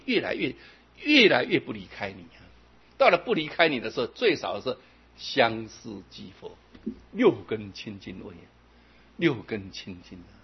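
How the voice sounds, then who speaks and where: A man giving a Buddhist dharma talk, chanting examples fast and slow and asking rhetorical questions. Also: medium pitch, husky, lo-fi sound. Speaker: Buddhist teacher.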